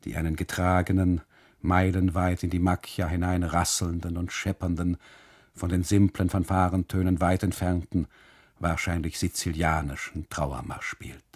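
An actor playing a brooding, ironic German husband who narrates a radio drama monologue in long ornate sentences. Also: male voice, sits low, flat delivery, moderate pace, no echo, clean studio sound. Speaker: first-person narrator.

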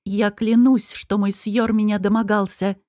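A woman's voice: mid-range voice, little pitch movement, unhurried, mellow, no room sound, clean studio sound, natural voice. A woman voicing a young princess who accuses emotionally. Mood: pleading.

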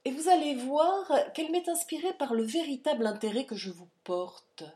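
A woman voicing a cold, ironic male count who threatens with smooth, polite cruelty, in an audiobook reading. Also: mid-range voice, expressive, takes it slowly, darkish tone.

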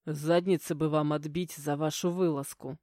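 A woman voicing a gruff, burly young man who speaks in a low husky rumble, curt and commanding, in a storybook reading. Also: steady tone, normal speed, warm tone, no echo, clean studio sound, natural voice. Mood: gruff stern. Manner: curt, menacing growl.

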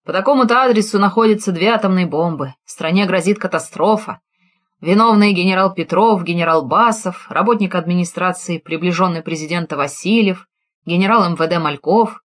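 A woman reading the lines of a calm, guarded imprisoned male officer in an audiobook, with a firm, weary delivery. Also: on the low side, a little fast, natural voice.

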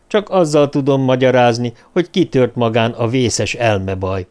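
A male audiobook reader with a mid-range, somewhat mellow voice gives a lightly acted performance. He voices a cold, scheming ruler threatening a young man at gunpoint, in an icy, clipped, menacing way that sets a cold, threatening mood.

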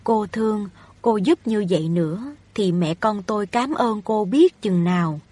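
A woman's voice: mid-range voice, animated, a little slow, mellow, slightly rough, no room sound. A woman voicing a humble poor widowed peasant mother in a storybook reading, anxious and pleading. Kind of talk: audiobook reading of a novel.

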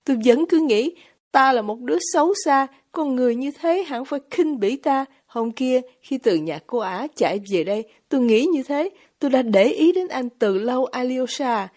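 A woman's voice: high voice, lively intonation, normal speed, darkish tone, pitched above the performer's own voice. A woman voicing a passionate young woman in an audiobook, speaking with heightened, pleading emotion. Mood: confessional. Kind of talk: audiobook character reading.

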